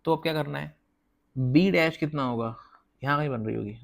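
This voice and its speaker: This man's voice is fairly high, with noticeable vocal fry. He teaches an informal whiteboard math lesson, breaks things down step by step, checks in with viewers often, and counts slowly while drawing.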